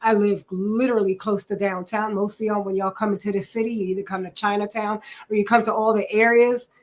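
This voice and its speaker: Woman, 40s, from New Jersey, relaxed chatty interview guest, lots of ums. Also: medium pitch, a little fast. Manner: chatty, many ums, says "literally" often. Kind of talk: casual interview self-introduction.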